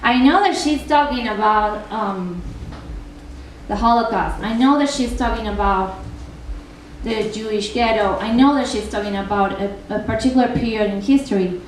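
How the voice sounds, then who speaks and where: Speaking at normal speed in a fairly high voice, a young woman from Argentina with a thick Argentinian Spanish accent, Spanish being her native language, joins a festival translation panel and reads a poem. Chatty by nature, she frequently says um and restarts sentences. The event-room recording is distant and echoey, carrying faint noise.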